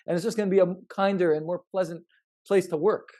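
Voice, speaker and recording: Speaking with a high-pitched, warm voice and fairly even intonation, a man talks through his research on a podcast. He's halting and repeats himself, frequently emphasizing points and checking that he's being followed.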